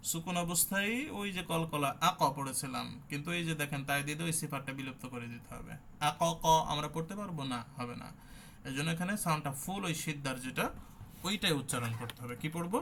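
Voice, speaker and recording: A man's voice: a little high, fast talker, pushed and bright, a little hiss or hum. A man teaching an online Quran recitation class, explaining letter sounds and demonstrating each one.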